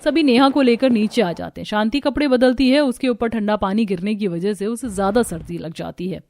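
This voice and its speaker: A woman narrating a cartoon story in a plain, steady scripted style. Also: medium pitch, a little fast.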